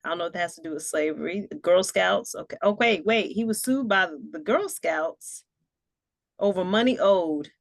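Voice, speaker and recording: A woman co-hosting a casual political chat, thinking aloud as she reads and comments. Her voice sits at an average pitch and sounds dry and close to the mic. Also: animated, normal speed, no room sound. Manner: musing, reads aloud, laughs often. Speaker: podcast co-host.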